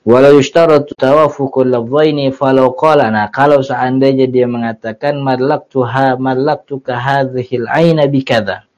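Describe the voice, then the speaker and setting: A man teaches a religious text in a relaxed, joking way. He switches between recited Arabic phrases and casual street slang and laughs softly as he talks. The recording is muffled and lo-fi. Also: medium pitch, moderate pace. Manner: explains Arabic text in colloquial Jakarta slang with chuckles. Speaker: Islamic teacher.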